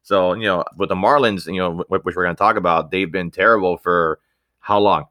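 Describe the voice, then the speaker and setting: A man's voice: low voice, steady tone, brisk, sharp tone, no room sound, studio quality. A young man hosting a casual podcast chat in a joking, laid-back way. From United States. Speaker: podcast host.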